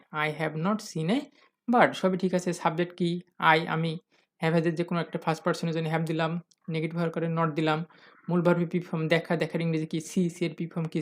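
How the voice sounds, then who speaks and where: Patient teacher asking and answering questions. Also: medium pitch. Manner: reads example sentences slowly and deliberately; addresses the viewers as "dear learners". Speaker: English grammar teacher. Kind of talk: recorded grammar lesson.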